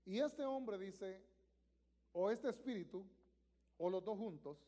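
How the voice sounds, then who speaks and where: A male pastor preaching a live sermon in a church, emphatic and repetitive, swelling to loud exclamations. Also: high voice, takes it slowly. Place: church sanctuary. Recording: long reverb of a church hall.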